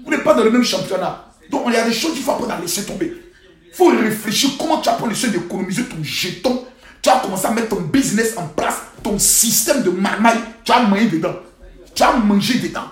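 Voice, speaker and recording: A man hosting a live social-media monologue, scolding and preaching in loud bursts with sudden quiet asides, speaking into a phone. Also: high voice, lively intonation, fairly quick. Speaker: livestream host. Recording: roomy echo.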